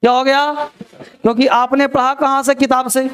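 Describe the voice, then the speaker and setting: Man, very high voice, classroom teacher, repeats words, quizzes students. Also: flat delivery, moderate pace, fairly bright tone, clean tone. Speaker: English teacher. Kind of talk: classroom spelling lesson.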